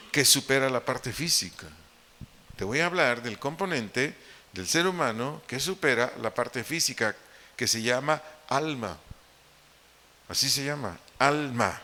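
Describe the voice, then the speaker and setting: A man with a Mexican Spanish accent preaches in a church hall, his bright voice trailing off into a long reverb. He teaches patiently, repeating his main points and asking the listeners questions as he goes. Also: mid-range voice. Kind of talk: sermon.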